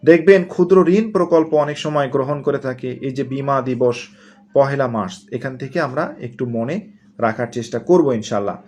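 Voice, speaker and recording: A man's voice: medium pitch, a little fast, a little mellow. A man from Bangladesh giving an exam-prep lesson, asking questions and answering them himself, repeating key points. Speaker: teacher. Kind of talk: exam-prep lecture with memory tricks.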